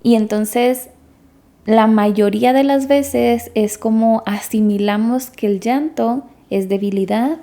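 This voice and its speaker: A woman talks through an idea in casual podcast chat, calmly and step by step. Her voice is mellow and dark, with a gravelly fry at the ends of her phrases. She sits a little higher in pitch than most women. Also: slow pace. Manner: calm, explains step by step, asks the others questions. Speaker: podcast co-host explaining grief.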